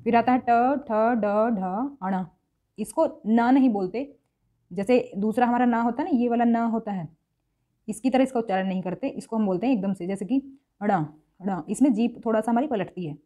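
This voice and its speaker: A woman's voice: a little high, warm tone. A woman teaching a grammar lesson, patiently spelling out sounds one by one to show how to pronounce them. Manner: patient, repeats sounds slowly to show pronunciation. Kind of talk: classroom-style lesson.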